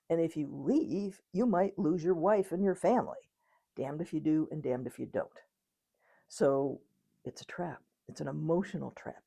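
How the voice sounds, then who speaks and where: A woman physician gives an informal educational talk explaining trauma in a low, mellow voice with a gravelly, breathy edge. She is conversational, acts out quotes, and laughs now and then.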